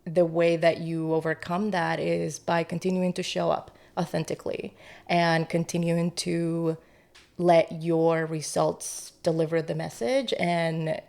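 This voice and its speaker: A woman with a lowish voice and a pronounced vocal fry talks in a conversational interview. She comes across as earnest and encouraging, like a professional explaining her work. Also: level tone, a little slow, darkish tone. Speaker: real estate agent being interviewed.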